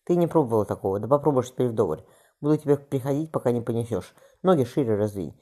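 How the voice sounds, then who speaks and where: Man doing a harsh old tsar, commanding, fast, dark-toned. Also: medium pitch, animated, natural voice. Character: stern domineering old male tsar.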